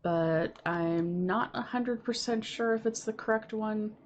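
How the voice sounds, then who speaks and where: During a casual Minecraft stream from home, a woman with a cold talks in a nasal, sniffly way, apologizing often and filling gaps with ums. She speaks unhurriedly in a mid-range voice over lo-fi sound with slight background noise and keyboard and computer sounds.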